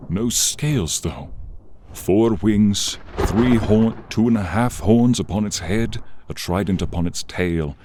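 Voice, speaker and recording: A man voices a loyal, noble dragon, an earnest and brave friendly companion, addressing the listener in a dramatic fantasy ASMR monologue. His deep voice carries an awed, grave mood through solemn, grandiose, deliberate storytelling. Clear storm ambience of rain and thunder rumbles in the background.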